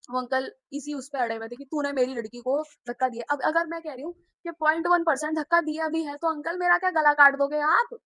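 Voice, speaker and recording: High-voiced young woman telling a storytime. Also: dry recording, low-quality recording. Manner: animated, acts out quoted people. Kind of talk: casual storytime vlog.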